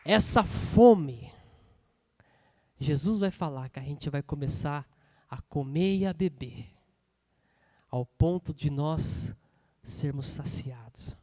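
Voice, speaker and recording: A Brazilian man in his thirties, a pastor preaching a sermon, swinging between loud bursts and hushed asides. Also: a little high, slow pace. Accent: Brazilian Portuguese.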